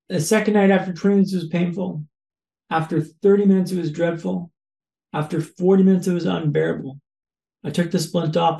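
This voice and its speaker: A man's voice: fairly high pitch, creaky, dark tone, reverberant. A man, a podcast guest, telling a personal story in vivid, repetitive phrases with punchy lists. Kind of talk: storytelling in an interview.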